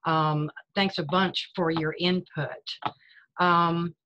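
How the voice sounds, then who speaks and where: A woman moderates a video-call panel in a slightly low voice and thanks the speakers politely. She fills her pauses with soft "um"s. Her audio comes through dull and lo-fi over the call. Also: steady tone. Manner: polite and appreciative, soft fillers. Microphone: webcam mic on video call.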